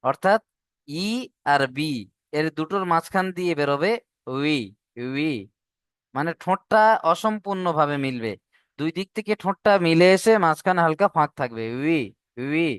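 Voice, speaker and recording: Male Quran-reading tutor, patient and repetitive. Clear, slightly high voice on a dry close mic. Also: expressive, fairly bright tone, no echo. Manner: patient, drills syllables slowly and repeats. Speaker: Arabic reading teacher. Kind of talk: online class instruction.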